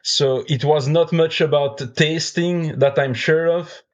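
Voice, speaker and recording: A Belgian man in his forties with a French accent, a brewer and beer judge, chats casually as a podcast guest, full of fillers and restarts. His voice is a little high, steady, and slow, and the audio has its highs cut off.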